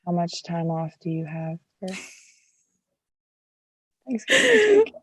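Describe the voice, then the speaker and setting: Woman podcast host, gravelly morning voice, chatty and filler-heavy, dry close mic. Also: fairly low pitch, wildly swooping pitch, measured pace, no echo, rough recording. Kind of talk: casual chat.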